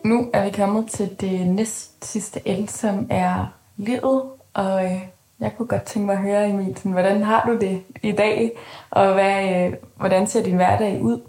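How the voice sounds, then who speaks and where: Woman, interviewer, mid pitch, probing follow-up questions, roomy echo. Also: steady tone, a little mellow, soft background music. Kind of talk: conversational interview.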